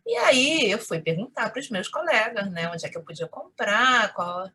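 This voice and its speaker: A woman with a Rio de Janeiro accent, a guest in an interview, telling stories in a lively chatty way and often tagging on "né?". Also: mid-range voice, moderate pace, slightly rough. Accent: Rio de Janeiro Portuguese. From Brazil. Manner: animated storytelling, frequent "né?". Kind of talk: conversational interview.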